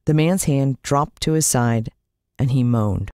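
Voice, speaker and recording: An American audiobook narrator with a rumbling low, warm voice tells a story dramatically and suspensefully, drawing out her words. She speaks unhurriedly. The recording is dry, with clean studio sound.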